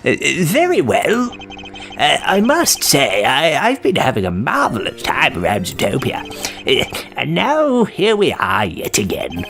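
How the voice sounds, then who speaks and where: A man's voice: a little high, wildly swooping pitch, measured pace, gravelly, fairly bright tone, soft background music, voice pushed up, heavily acted. A man voicing a doddering, jovial elderly courtroom judge from a video game, with a wavering, stammering old-man voice. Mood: jovial, befuddled. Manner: hesitant, stammering, rambling.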